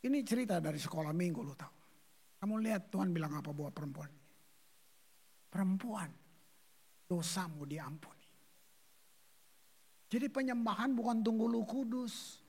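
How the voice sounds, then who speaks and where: A male pastor preaching a sermon in slangy, animated storytelling, acting out the people in his stories. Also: sits high, quick pace, husky.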